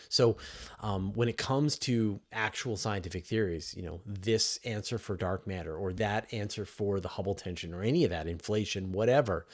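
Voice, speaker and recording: This science journalist, low-voiced, hosts a science question show as a casual livestream Q&A. He reads questions and answers them off the cuff, speaking emphatically and conversationally and frequently rephrasing partway through a thought.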